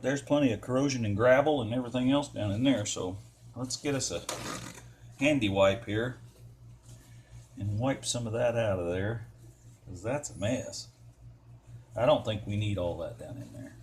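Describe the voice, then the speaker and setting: An American man, a DIY car repair vlogger, gives a casual, hands-on how-to, folksy, easygoing and rambling with playful wording. His mid-range voice has a darkish tone and moderate pace with long pauses, and there's slight background noise.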